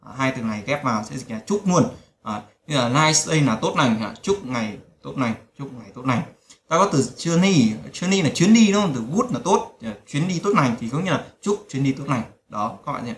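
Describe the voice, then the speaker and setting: A man's voice: on the high side, a bit bright, a little hiss or hum. A man teaching a spoken language lesson, repeating phrases and reminding listeners to remember them. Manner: repetitive, drills phrases and keeps telling listeners to remember. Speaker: English teacher. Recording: roomy echo.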